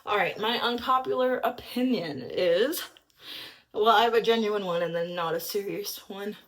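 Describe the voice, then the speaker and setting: A woman's voice: medium pitch, normal speed. A young woman vlogger in a casual, upbeat chat to camera, a little out of breath and using lots of fillers. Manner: chatty, upbeat, filler-heavy. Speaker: lifestyle vlogger.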